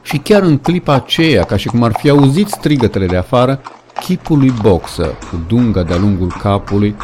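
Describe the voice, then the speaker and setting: A man's voice: mid-range voice, lively intonation, background noise. Man narrating a dramatic audiobook. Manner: dramatic storytelling. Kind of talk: scripted narration.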